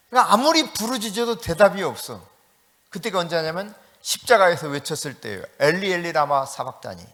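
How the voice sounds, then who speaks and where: A man preaching a sermon as pastor, telling a story in a lively way and acting out the quoted voices. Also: high voice, big-room sound. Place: church sanctuary.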